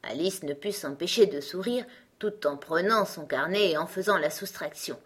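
A woman narrating a storybook in an even, measured way, with a husky voice. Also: lowish voice. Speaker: audiobook narrator.

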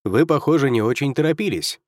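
Cheerful young officer, read by a man narrator: lifted, brisk, amused, dry recording. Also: mid-range voice, no echo, close to an everyday voice. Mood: cheery, amused. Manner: brisk, amused, raised lively voice. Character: cheerful stocky young male military officer. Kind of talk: audiobook character voice.

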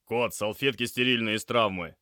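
A man voicing a brisk male paramedic who shouts clipped orders at his team. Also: lowish voice, no echo, studio quality. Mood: barking orders.

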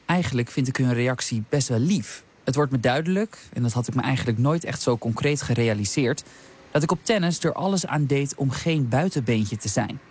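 A man's voice: mid-range voice, lively intonation, normal speed, slightly rough. A man narrating his own radio documentary in scripted voice-over, candid and reflective. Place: studio voice-over. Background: music bed.

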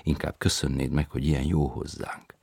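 A man voicing a fussy, gentle old grandmother who asks soft, anxious questions and sometimes drops to a hush. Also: rumbling low, flat delivery, vocal fry, breathy edge, dry recording, clean studio sound, exaggerated voice. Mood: anxious, doting.

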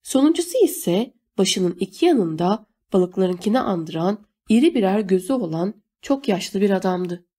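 A woman reading a novel aloud as narrator, steady and measured. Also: medium pitch, breathy edge. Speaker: audiobook narrator. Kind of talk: scripted narration.

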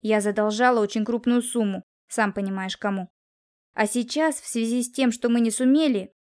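A demanding, sharp-tongued woman in a fix, read by an audiobook narrator, nagging and cajoling with a fairly high voice. The lines come quick and emphatic, full of reproach. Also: lightly acted. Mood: insistent. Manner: demanding, scolding, then wheedling. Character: scheming woman in trouble, pushy. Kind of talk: audiobook character reading.

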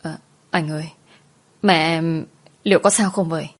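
A woman's voice: low-pitched, steady tone, moderate pace, slightly rough. A woman voicing a frightened young woman who pleads tearfully for her sick mother. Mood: pleading.

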